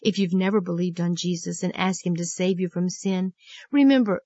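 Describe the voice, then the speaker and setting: A woman's voice: lowish voice, moderate pace, dry recording. Woman children's Bible teacher, earnest storytelling, dull dry recording. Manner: earnest, gently emphatic storytelling.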